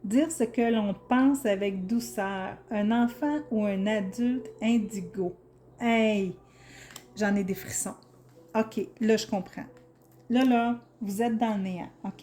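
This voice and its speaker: A woman's voice: mid-range voice, unhurried, warm tone, a little hiss or hum. Chatty Québécois tarot reader woman. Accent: Québécois French. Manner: chatty and enthusiastic, many fillers and restarts. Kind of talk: casual tarot reading for viewers.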